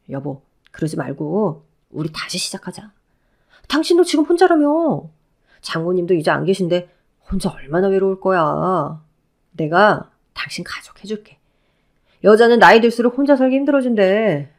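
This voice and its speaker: A woman voicing a wheedling, self-pitying ex-husband who begs his former wife to take him back, in a Korean audio drama. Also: mid-range voice. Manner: pleading, whiny.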